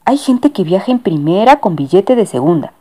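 A woman's voice: mid-range voice, very animated, moderate pace, warm tone. A woman voicing a grumpy, complaining businessman passenger who fears catching illnesses, in a storybook reading. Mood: grumbling. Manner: complaining, indignant. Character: grumpy hypochondriac businessman, older male.

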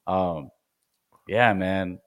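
A man hosting a relaxed livestream chat, rambling and repeating himself, with a cave-like echo from the empty, unfurnished room in his new house. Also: low-pitched, drawn-out words. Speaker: show host.

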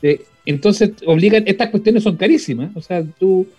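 A man's voice: high voice, normal speed, darkish tone, slightly rough, soft background music. A middle-aged Chilean man hosting a podcast in casual, slangy conversation. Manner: colloquial, slangy. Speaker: podcast host. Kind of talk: casual chat.

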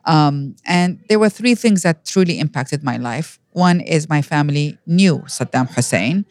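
A woman's voice: low voice, expressive, a little slow, darkish tone, no echo, clean studio sound. A woman, telling her life story as an interview guest, earnest and reflective with frequent restarts. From Iraq. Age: 50s.

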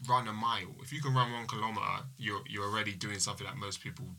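Bright, husky man giving pep talk. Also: fairly low pitch, fairly even intonation, fast. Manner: upbeat, motivational, repeats "just do it". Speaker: guest athlete. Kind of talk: casual interview chat.

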